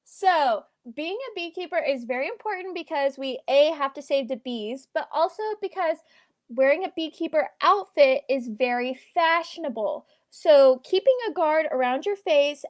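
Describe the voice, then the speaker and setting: A woman's voice: high voice, normal speed. A woman improvising a mock-serious comic bit over a video call. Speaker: improv player.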